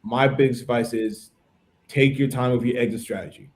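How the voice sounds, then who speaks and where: This chatty American man in his thirties is an English teacher taking part in a podcast's casual conversational interview. His mid-range voice moves at normal speed with fairly even intonation.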